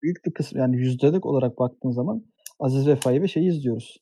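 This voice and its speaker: On a podcast, a male co-host chats casually, hesitating often with lots of fillers and restarts. His mid-range voice is fast and dark with a breathy edge.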